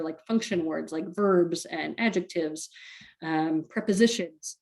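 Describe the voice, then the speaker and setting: A woman speech therapist presents a recorded webinar for parents. She talks in a casual, chatty way, full of fillers and quick little laughs. Her voice sits a bit low. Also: darkish tone.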